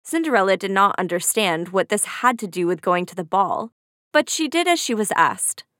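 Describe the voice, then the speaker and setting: A woman reading a classic fairy tale aloud in a clear, measured storybook narration. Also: mid-range voice, very animated, fairly bright tone, no room sound, studio quality.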